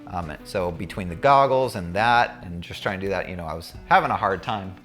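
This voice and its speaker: A man's voice: sits low, lively intonation, a little fast, a bit bright, faint music behind. A man talking casually and candidly to viewers, recounting his own experience as a student pilot in a conversational way.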